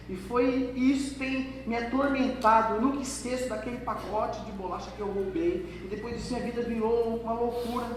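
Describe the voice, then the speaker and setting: Man, pastor, sermon, talks straight to the congregation, long hall reverb, noisy background. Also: high voice. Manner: lively storytelling, addressing the congregation directly. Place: church hall during a service. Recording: echoey hall from far off, background noise.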